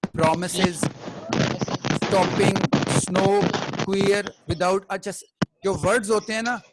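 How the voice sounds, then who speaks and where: A man's voice: high-pitched, steady tone, measured pace, heavy background noise. A man teaching a classroom poetry lesson. He explains step by step and keeps checking that the students follow.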